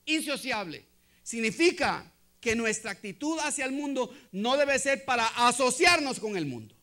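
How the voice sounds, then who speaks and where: A man's voice: extremely high pitch, lively intonation, normal speed, bright, forceful tone. A man preaching a sermon as pastor, often checking in with the congregation and restarting his sentences.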